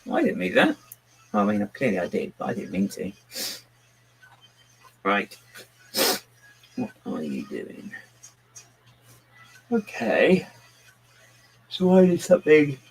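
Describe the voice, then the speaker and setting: A man's voice: medium pitch, creaky, darkish tone, husky, low-quality recording. A man rambling casually to his livestream chat while he builds, self-mocking and chuckling often. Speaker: livestream host building with bricks.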